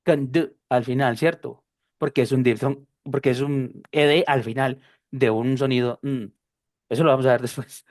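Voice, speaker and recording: A woman teaching a class, explaining slowly and patiently, often repeating herself and checking that her students follow. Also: very deep voice, fairly even intonation, darkish tone, no room sound, studio quality. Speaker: English teacher.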